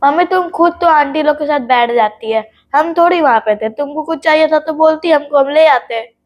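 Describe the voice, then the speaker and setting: A woman's voice: sits high, moderate pace, highs cut off, close to an everyday voice. A woman playing a sulky, cheeky teenage daughter in a comedy sketch, answering back with mocking retorts.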